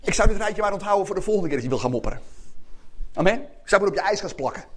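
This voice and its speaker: A man preaching a lively sermon, calling out to the congregation for amens. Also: high voice, racing. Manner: animated, calls out to congregation for amens.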